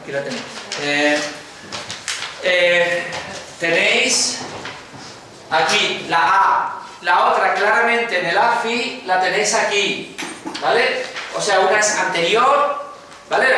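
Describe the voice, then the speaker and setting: A man with an Andalusian Spanish accent teaching phonology in a classroom, explaining and often asking the students whether they follow. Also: high voice. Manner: explanatory, checks understanding with frequent questions. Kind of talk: classroom lecture. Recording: echoey classroom with faint noise.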